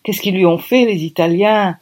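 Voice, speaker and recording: Brief: lively conversational audiobook reader, woman. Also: medium pitch, normal speed. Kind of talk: first-person novel narration.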